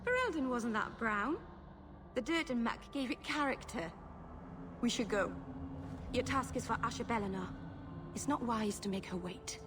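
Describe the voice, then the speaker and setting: A woman's voice: a little high, lively intonation, normal speed, pauses often, noisy background, close to an everyday voice. An actress playing a shy, earnest young elf woman, a mage who speaks hesitantly and apologetically in video game dialogue. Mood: timid, earnest.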